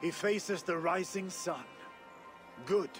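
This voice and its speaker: Guthrum, a gentle old Viking king. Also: high-pitched, music in the background. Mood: calm. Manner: slow, gentle, laughs often. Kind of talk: video game cutscene acting.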